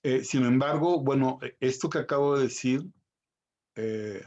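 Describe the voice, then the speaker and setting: A man teaching a recorded Greek vocabulary lesson, spelling out each pronunciation slowly and carefully. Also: medium pitch, darkish tone, highs cut off.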